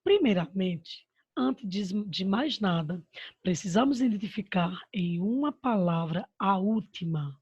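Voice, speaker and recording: A woman's voice: medium pitch, lively intonation, unhurried, darkish tone, breathy edge, no room sound, highs cut off. A woman teaching a primary school grammar lesson over slides with a Brazilian Portuguese accent, patient and affectionate, answering her own rhetorical questions. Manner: patient, addresses pupils with diminutives and "my love".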